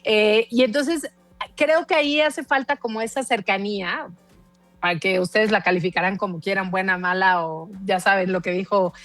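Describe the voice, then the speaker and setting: A woman in her forties with a Mexican accent, a guest speaking in an animated, emphatic way on a casual podcast. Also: medium pitch, moderate pace, dry recording, soft background music. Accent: Mexican Spanish. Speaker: guest language expert.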